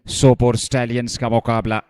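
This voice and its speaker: A male cricket commentator calling a match live, with excited delivery when the action picks up. His voice sits at a medium pitch, and the sound is close and dry. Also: moderate pace, clean tone, no echo.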